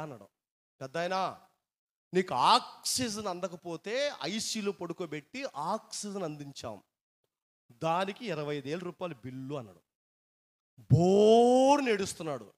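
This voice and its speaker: A pastor preaching a sermon in a Telugu Andhra accent, telling stories and calling questions out to the congregation, his voice rising into loud appeals. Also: a little high.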